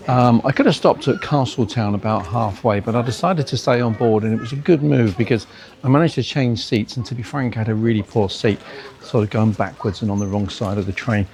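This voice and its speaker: A man's voice: mid-range voice, a little fast, darkish tone. A man hosting a travel vlog, chatty, upbeat and self-deprecating as he talks through a railway day trip. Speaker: travel vlogger. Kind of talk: casual travel vlog narration.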